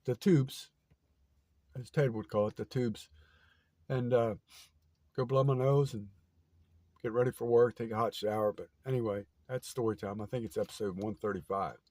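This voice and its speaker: A man's voice: fairly low pitch, fairly even intonation, brisk, darkish tone, dry recording. A man with a stuffy, nasal voice, casually telling a story on his vlog, rambling and repeating words with lots of fillers. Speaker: vlog host.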